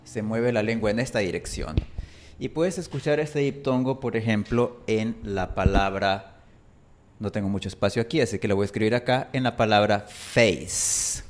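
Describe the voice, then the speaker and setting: In this pronunciation lesson, a man who speaks Spanish natively teaches how words should sound, articulating with care and stretching out the vowels he uses as examples. He has a lowish, somewhat dark voice and talks at a normal speed.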